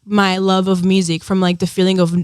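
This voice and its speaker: A young woman from Ecuador chats earnestly as an interview guest, her talk full of "like" and "um." Her voice sits at a middle pitch, and the recording is close and dry. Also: flat delivery, a little fast, smooth, no room sound. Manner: chatty, earnest, many "like" and "um" fillers. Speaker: singer-songwriter guest. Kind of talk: casual interview chat.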